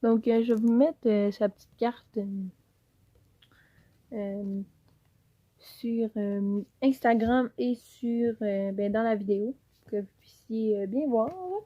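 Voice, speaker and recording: A woman's voice: on the high side, takes it slowly, muffled recording. A woman with a Quebec French accent chatting through a casual giveaway unboxing in her home office, rambling and upbeat. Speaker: YouTuber. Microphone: camera mic.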